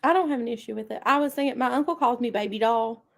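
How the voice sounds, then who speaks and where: A woman's voice: a little high, quick pace, vocal fry. A woman co-hosting a casual book chat, teasing and playful. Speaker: co-host.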